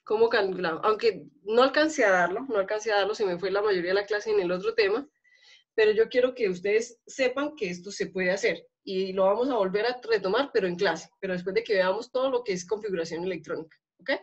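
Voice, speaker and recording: A woman's voice: medium pitch, fast talker, muffled recording. Colombian woman teaching chemistry class. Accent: Colombian Spanish. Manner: checks in often with questions to students. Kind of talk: classroom lecture.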